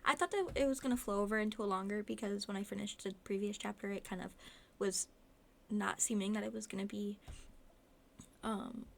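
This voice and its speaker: A woman's voice: mid-range voice, fairly quick, gravelly. A woman reading first-person fan fiction aloud and chatting casually at the end, rambling with fillers. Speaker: voice actor narrator.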